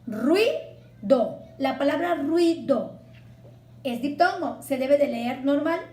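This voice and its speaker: A woman's voice: high voice, measured pace, warm tone, reverberant. A woman teacher from Mexico, patiently explaining a Spanish lesson and spelling words out syllable by syllable. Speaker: secondary school Spanish teacher.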